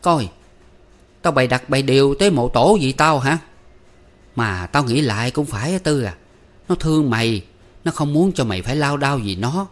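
A man voicing a sharp-tongued, scolding middle-aged village mother who nags her grown son. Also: medium pitch, animated, moderate pace, long pauses, voice pushed up, close to an everyday voice. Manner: nagging, scolding.

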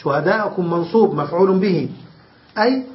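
High-voiced sheikh teaching in echoey room. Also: male voice. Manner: explains step by step, often checks understanding with the class; stretches key words slowly for emphasis. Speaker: sheikh teaching Arabic grammar. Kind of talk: classroom grammar lesson. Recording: distant, echoey, dull lo-fi room recording with faint hiss.

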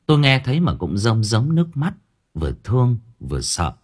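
A man narrating a first-person horror story for an audiobook in a measured, expressive way. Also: medium pitch, slightly rough.

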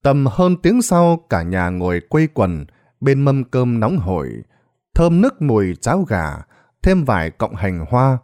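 A man's voice: medium pitch, big pitch swings, unhurried, darkish tone. A man reading a ghost story aloud in a dramatic storytelling manner. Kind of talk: scripted narration.

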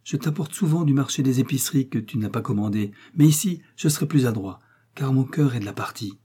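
A man's voice: medium pitch, fairly quick, dark tone, husky, lightly acted. A man reading an audiobook, voicing a gloomy, loyal middle-aged innkeeper in an earnest, somber way.

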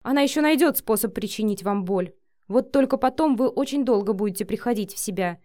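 A woman's voice: fairly high pitch, animated, fairly quick, dark tone, no echo, natural voice. A defiant young woman, voiced by a woman narrator. She speaks with pointed indignation, hurt underneath. The audiobook recording is close and dry. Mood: earnest.

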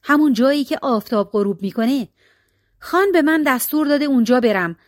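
A woman's voice: high voice, lively intonation, no echo, clean studio sound. A woman reading the lines of a brave, dutiful young archer in a folk tale. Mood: earnest.

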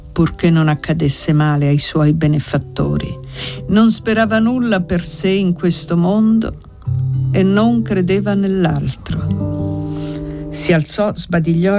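A reader narrating a classic novel in a measured, deliberate way with dramatic pauses. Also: mid-range voice, a little mellow. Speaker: audiobook reader. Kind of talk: literary audiobook narration.

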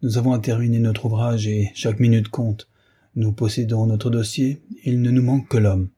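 A man reading the lines of a calm, commanding male detective in a measured, authoritative way. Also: medium pitch, husky, lightly acted. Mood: firm.

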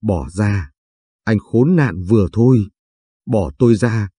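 A man's voice: on the low side, animated, slow pace, breathy edge, no room sound, clean studio sound, heavily acted. A man reading the lines of a young woman pushing away her abusive ex-partner. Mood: defiant. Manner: sharp and pleading by turns.

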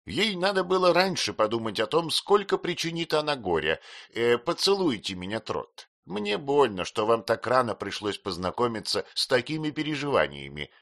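A man reading an audiobook, voicing a blunt, fond elderly great-aunt who speaks in brisk exclamations. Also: medium pitch, very animated, fairly bright tone, dry recording, studio quality, pitched above the performer's own voice. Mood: teasing. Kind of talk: audiobook character voice.

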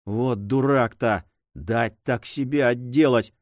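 A man's voice: mid-range voice, takes it slowly, no room sound, studio quality, natural voice. A man playing a jeering pirate henchman. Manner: mocking and offhand.

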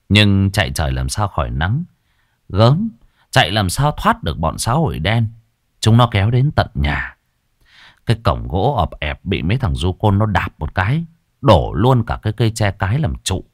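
A man narrating a dark story in a vivid, emphatic storytelling style. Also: lowish voice, no room sound, clean studio sound. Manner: vivid, emphatic, rising with the action. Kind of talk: dramatic horror-story narration.

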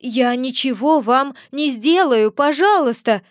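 A woman's voice: sits high, lively intonation, measured pace, no room sound, clean studio sound, pitched above the performer's own voice. A woman doing a whiny, polite trapped man. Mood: pleading. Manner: pleading, whiny, courteous. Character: polite, frightened young man trapped underfloor.

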